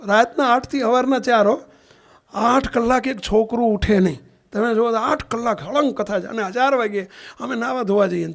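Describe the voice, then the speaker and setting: A man's voice: high voice, gravelly. A man, a swami giving a sermon, telling a story and keeps asking his listeners whether they understood. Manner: acts out the voices of people in his stories. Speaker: swami preacher. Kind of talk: sermon storytelling in a Gujarati satsang.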